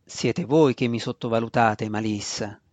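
A man voicing a young male dark elf warrior, defiant and grave, speaking low, slow and with calm menace. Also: no room sound, natural voice. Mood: menacing.

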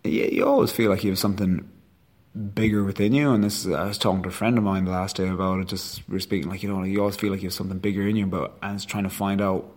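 Low-voiced west of Ireland man. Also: fairly even intonation, fast, a little mellow. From Galway, west of Ireland. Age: 30s. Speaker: rugby sports staff member, coach. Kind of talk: conversational interview answers.

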